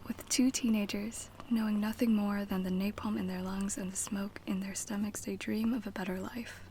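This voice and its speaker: A twenty-year-old woman from the United States performing spoken word poetry with a rhythmic, dramatic delivery and repeated refrains, often breathy and half-whispered. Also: medium pitch, steady tone, moderate pace, dark tone, a little hiss or hum, rough recording. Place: banquet event.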